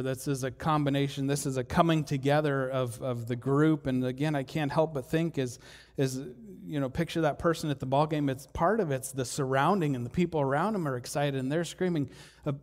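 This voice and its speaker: A man delivers a sermon in a church hall, his slightly raised voice trailing off into a long reverb. He talks in a relaxed, conversational way, asks the congregation questions and doubles back on his words. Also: on the high side. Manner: conversational, self-deprecating, frequent restarts and rhetorical questions. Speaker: preacher.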